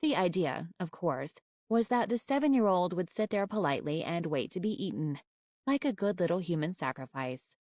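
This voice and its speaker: Lady reading a kids' book out loud, low voice, dry close sound, kinda wry. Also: expressive, normal speed, no echo. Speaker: storyteller. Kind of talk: reading a children's novel aloud.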